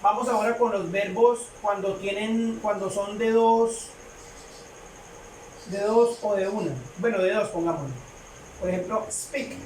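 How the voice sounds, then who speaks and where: A woman explaining a grammar rule to a class, halting often with fillers and repeating her phrases. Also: medium pitch, steady tone, a little mellow. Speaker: English teacher. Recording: echoey room, distant mic, faint noise.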